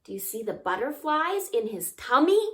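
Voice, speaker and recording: A woman on the high side, speaking at normal speed, reads a picture book expressively to young children. As the story time reader, she acts out the sounds and turns to her listeners with asides and questions.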